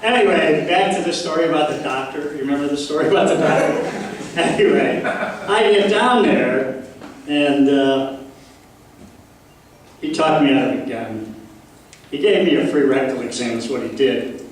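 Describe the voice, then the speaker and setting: An older man doing a stand-up comedy set on a club stage, telling stories in a deadpan way with dark punchlines. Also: fairly high pitch, normal speed, pauses often, a loud crowd. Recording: echoey club audio from far off. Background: audience laughter.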